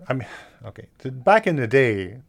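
A man's voice: mid-range voice, sing-song, moderate pace, gravelly. A Scottish man, a comic artist co-hosting a podcast, chatting casually and rambling with many fillers and restarts. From Scotland. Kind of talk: casual chat.

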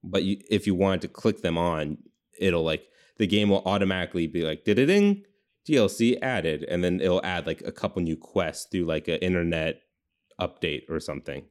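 A young man co-hosting a podcast talks in a low, steady voice at normal speed. He rambles through ideas in a casual brainstorming chat, leaning heavily on "like."

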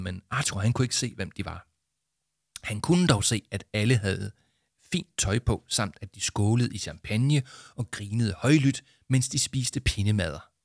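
A man narrating a children's audiobook in a calm, lively storytelling manner. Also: on the low side, gravelly, dry recording, studio quality.

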